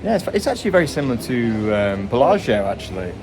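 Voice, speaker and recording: A man's voice: medium pitch, big pitch swings, fast talker. A young man hosting a casual travel vlog, chatting with his companion as they walk. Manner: chatty, asks companion questions. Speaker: travel vlogger host. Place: outdoors in a lakeside village. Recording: outdoor street noise.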